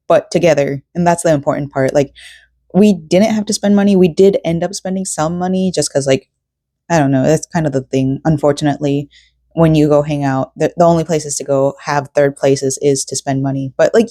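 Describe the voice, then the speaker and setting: A young woman from South Korea, raised in Florida, vlogs from home while crocheting, sounding tired and rambling, full of fillers and self-corrections. Her low-pitched voice is mellow and soft, recorded close and dry with no echo or room sound.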